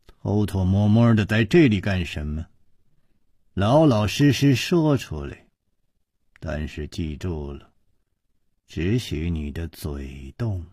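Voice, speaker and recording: A man's voice: a bass voice, expressive, slow pace, pauses often, breathy edge, dry recording, clean studio sound, pitched below the performer's own voice, full character voice. A man voicing a cold, hard, fierce middle-aged noblewoman who speaks with icy menace and scorn. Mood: icy threat.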